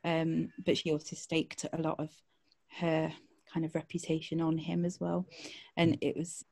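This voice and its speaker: Low creaky Northern English woman. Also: completely flat delivery, moderate pace, a little mellow. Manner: thoughtful, hesitant with frequent ums. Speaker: poet and guest. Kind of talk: casual interview chat.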